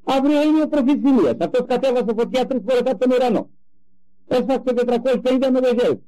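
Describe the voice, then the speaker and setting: An older man giving a religious talk, telling personal stories with animated emphasis. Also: very high-pitched, low-quality recording. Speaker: religious speaker. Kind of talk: sermon with personal anecdotes.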